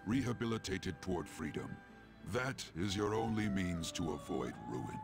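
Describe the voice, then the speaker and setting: An actor playing a sinister old master of a dream realm in a video game, with a possessed, demonic, gravelly voice and slow, formal, ominous speech. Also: male voice, low-pitched. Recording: music under the voice.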